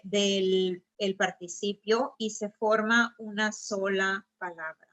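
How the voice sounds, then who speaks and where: A woman's voice: a little high, fairly bright tone. A woman teaching a grammar lesson over slides. She explains patiently and keeps checking with her students. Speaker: Spanish teacher.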